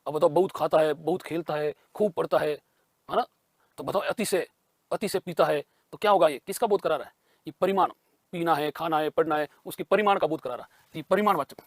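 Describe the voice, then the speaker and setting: A man's voice: fairly high pitch, brisk, dry recording. A man teaching a grammar lesson for exam prep. He asks questions and answers them himself, and he repeats key terms.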